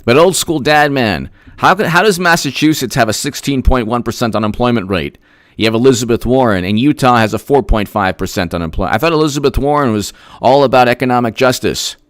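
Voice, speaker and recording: Guy hosting a commentary stream, sarcastic and emphatic, middle-pitched voice, dry close sound. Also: lively intonation, a little fast, no room sound. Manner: sarcastic, emphatic, rattles off statistics; reads out viewer messages. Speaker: host. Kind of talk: political commentary livestream.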